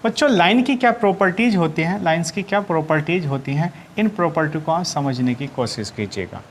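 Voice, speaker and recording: A man's voice: on the high side, expressive, a little fast, a little hiss or hum. Repetitive man teaching school maths. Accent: Hindi. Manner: repeats himself, asks questions then answers them; often calls students "children". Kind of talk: classroom lesson to children.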